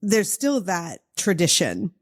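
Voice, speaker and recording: A woman from the US East Coast with a Boston accent, hosting a podcast in a relaxed, reflective conversational way. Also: fairly low pitch, takes it slowly. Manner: relaxed, reflective, many fillers. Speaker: podcast host. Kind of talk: conversational interview.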